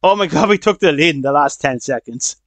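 A man with a headset, excitedly commentating his own shooter gameplay, swearing and shouting at the game. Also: a little high, brisk, dry recording. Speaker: gaming channel host.

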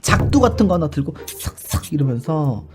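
Animated male streamer over loud music. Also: a little high, normal speed. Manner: animated and expressive, given to sudden shrieks. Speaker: live streamer. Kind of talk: casual live-stream chat.

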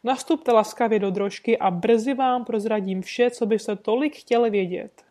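A woman reading an audiobook, voicing a composed, courteous gentleman detective who speaks calmly and sweetly insists. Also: a little high, close to an everyday voice. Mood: suave. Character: composed, suave gentleman detective, adult man.

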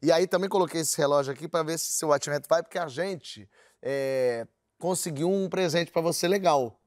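A man's voice: fairly high pitch, normal speed, dry recording. A man hosting a talk show in front of a studio audience, playful and exclaiming as he jokes with his guest. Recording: loud studio audience around him.

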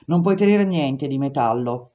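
A woman voicing a stern female prison guard who refuses requests in a flat, matter-of-fact way. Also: very deep voice, normal speed, dull audio. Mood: curt.

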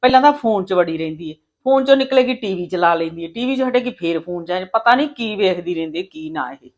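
A woman's voice: medium pitch, expressive, fast, muffled recording, natural voice. A woman playing a complaining, gossipy elder sister-in-law in a film drama scene. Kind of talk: short-film drama dialogue.

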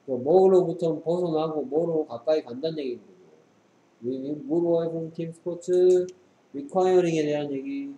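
A man's voice: on the high side, takes it slowly, mellow. A man tutoring English, reading sentences aloud and quizzing his student with short questions. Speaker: English teacher. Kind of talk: tutoring lesson, reading and explaining English text. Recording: echoey room with faint background noise.

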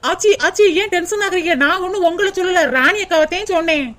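A woman's voice: very high voice, fast talker, noisy background. A woman voicing a cheeky young village girl in a cartoon, teasing and complaining. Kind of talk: cartoon voice acting.

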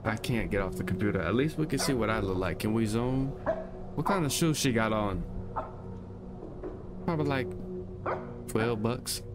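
A man's voice: on the low side, normal speed, long pauses, over loud music. A man giving casual let's-play commentary, joking, swearing, and talking to himself while playing. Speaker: gaming YouTuber.

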